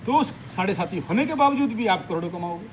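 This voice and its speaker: A man with a high, bright voice lectures a workshop audience on astrology. He talks with emphatic, lively energy and slips English phrases in among his points. A faint background hiss sits under the recording. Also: a little fast, low-quality recording. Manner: animated, emphatic, mixes English phrases into speech. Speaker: astrology teacher.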